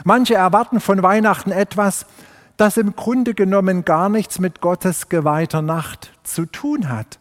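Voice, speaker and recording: A pastor delivers his sermon slowly and deliberately. His voice sits a little high for a man. A long church reverb trails behind every phrase. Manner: measured, unhurried pulpit delivery.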